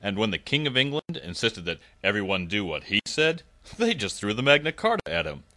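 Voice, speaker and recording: A man voicing a cheerful man who loves word history, telling it in an animated way. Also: lowish voice, fairly quick, no room sound. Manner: animated storytelling.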